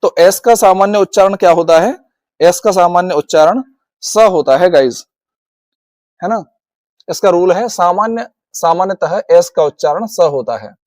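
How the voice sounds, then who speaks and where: A man with an Indian accent runs a video lesson on English pronunciation. His voice sits high and the sound is dry and close, with no room around it. He often calls his viewers "guys" and repeats each rule as he goes. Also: a little slow, a little mellow, no echo. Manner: repetitive, addresses viewers as guys. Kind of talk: classroom-style video lesson.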